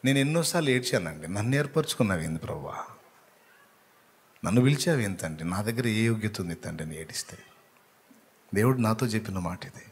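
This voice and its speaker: A man preaching a sermon, telling a story dramatically and acting out the voices in it with sudden loud rises. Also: on the low side, lively intonation, fairly quick, pauses often, husky. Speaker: pastor.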